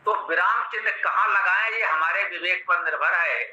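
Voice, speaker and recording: Hindi-accented male scripture teacher, high bright voice, measured lecture, roomy dull recording. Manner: measured, teacherly, repeats and glosses Sanskrit terms. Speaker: Vedic scholar explaining a mantra.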